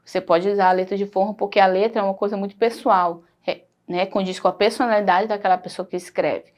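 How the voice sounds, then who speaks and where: A woman's voice: medium pitch, fairly even intonation, quick pace, darkish tone. A woman teacher with a Brazilian Portuguese accent, giving a recorded primary school lesson in a patient, explanatory way and pointing things out as she goes.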